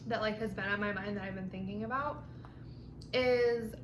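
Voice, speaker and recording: A woman vlog host chats casually to camera over lunch, full of filler words and the odd mild swear. Her voice is medium-pitched and steady, moving at a moderate pace. The room is echoey, with background noise clearly audible.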